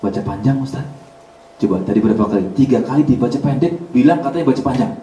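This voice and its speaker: Man telling stories in an echoey hall. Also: fast. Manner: animated storyteller acting out dialogue, jumping high in pitch. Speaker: Quran teacher giving a religious study talk. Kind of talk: storytelling religious lecture. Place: community hall in Germany. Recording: echoey room, speaker far from mic, faint hiss.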